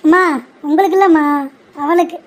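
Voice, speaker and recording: A meek young husband and son, voiced by a performer, who speaks softly and placatingly. His voice sits fairly high, and he always tries to calm his mother down in a comedy skit. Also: moderate pace. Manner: soft, placating. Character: doting young husband and son, mild-mannered.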